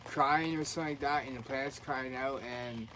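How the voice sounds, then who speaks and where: A man's voice: medium pitch, steady tone, normal speed, sharp tone. A man talking in a casual, earnest, rambling way, often restarting his sentences. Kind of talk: casual conspiracy chat. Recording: faint background noise.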